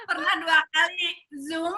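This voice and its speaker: A woman's voice: extremely high pitch, little pitch movement, unhurried, pushed and bright. A woman, the guest's wife, chiming in with an amused remark in casual chat.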